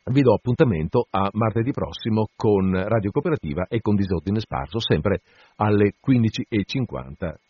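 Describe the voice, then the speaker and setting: A male radio host reading a novel aloud with theatrical expression, then chatting to listeners in relaxed asides. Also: fairly low pitch, moderate pace, slightly rough, no echo. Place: radio studio. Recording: dull dry radio broadcast.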